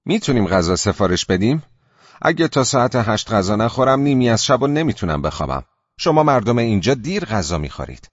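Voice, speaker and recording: A male narrator voicing Morley, a cheerful, pompous older man with lordly airs, pitched above his own voice. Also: big pitch swings, no echo, muffled recording. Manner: jaunty, lordly.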